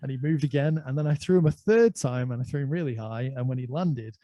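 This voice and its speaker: A man's voice: mid-range voice, fast, dark tone, dry recording. An Irish man hosting a casual conversation, chatty and anecdotal, telling stories from his life. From Ireland. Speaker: host.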